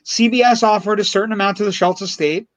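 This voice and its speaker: A middle-aged man hosting a talk show, telling stories in an animated, emphatic way. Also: high voice, fast, no room sound. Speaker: radio show host. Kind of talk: casual talk show banter.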